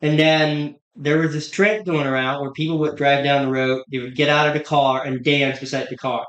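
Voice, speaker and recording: A man's voice: a little high, steady tone, normal speed, fairly bright tone. A man with a Pennsylvania Dutch accent hosting an interview, asking curious questions in a casual chat. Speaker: host. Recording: roomy echo.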